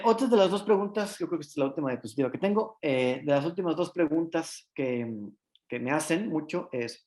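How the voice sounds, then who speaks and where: A man's voice: fairly high pitch, a little mellow. A man giving a conversational pediatrics lecture, often ending points with tag questions and acting out parent and child dialogue. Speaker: pediatrician giving an academic talk.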